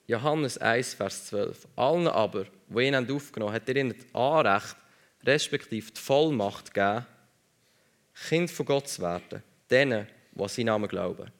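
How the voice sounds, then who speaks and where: A man's voice: mid-range voice, lively intonation, moderate pace. A man preaching a sermon emphatically, repeating phrases for stress.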